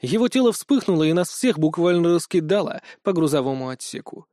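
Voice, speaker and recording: A man's voice: on the high side, very animated, fairly quick, mellow, dry recording. A man narrating an audiobook in a cold, matter-of-fact manner. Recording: dry close studio sound.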